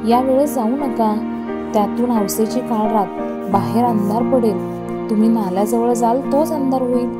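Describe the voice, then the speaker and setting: A woman reading an audiobook voices an elderly village woman who earnestly warns a traveler against setting out at dusk, with soft music behind. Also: fairly high pitch, normal speed, close to an everyday voice. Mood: urgent warning.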